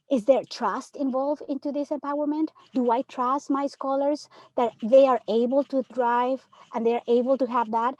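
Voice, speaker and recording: On a panel discussion, a third grade teacher from Peru speaks earnestly and emphatically, often asking a rhetorical "right?". Her fairly high, darkish voice is captured in a low-quality recording with no echo.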